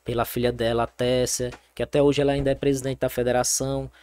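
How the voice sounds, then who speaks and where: A young Brazilian man, a soldier and triathlete, telling his story as a guest in a casual interview, animated and full of fillers and restarts. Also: medium pitch, fast, clear, resonant tone.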